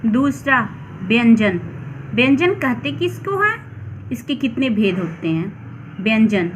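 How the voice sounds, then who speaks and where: A woman teacher with a Hindi accent, slowly and deliberately explaining grammar to children. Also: on the high side, sing-song, slight background noise. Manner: slow, deliberate, addresses children. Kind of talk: grammar lesson read aloud.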